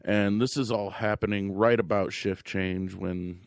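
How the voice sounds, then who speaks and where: A man's voice: lowish voice, fairly even intonation, measured pace, dry recording, clean studio sound. A man casually telling a story on a podcast, wry and conversational. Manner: laid-back, wry, conversational. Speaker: podcast co-host.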